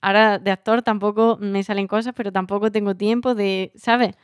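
A woman's voice: medium pitch, steady tone, normal speed, clean tone, no echo, studio quality. A woman interviewing a guest, asking friendly and curious questions in casual chat.

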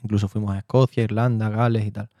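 A man's voice: lowish voice, flat delivery, quick pace, mellow, no echo. A man from Spain, an actor and director, telling his story in a casual interview. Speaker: interview guest. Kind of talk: casual chat.

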